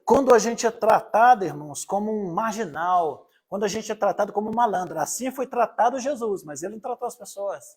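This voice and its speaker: An older pastor, a man, gives an informal live sermon in a husky, slightly raised voice. He talks to the congregation directly and keeps turning to them with rhetorical questions. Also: sits high, animated, a little fast, hardly any pauses, darkish tone. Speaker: pastor leading a Bible study.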